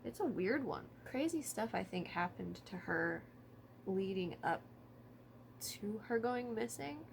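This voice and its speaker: A woman's voice: medium pitch, lively intonation, unhurried, gravelly, slight background noise. A woman talking informally to camera about true crime, thinking aloud and hedging as she goes. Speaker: vlogger.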